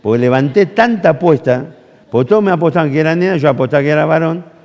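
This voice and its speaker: A man's voice: on the high side, fast talker, muffled recording. A man with an Argentine accent preaching a sermon, telling a personal story with acted-out dialogue and questions to the congregation. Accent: Argentine Rioplatense Spanish. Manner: animated storytelling, acts out dialogue, asks the audience questions. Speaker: pastor. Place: church camp hall. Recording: long hall reverb.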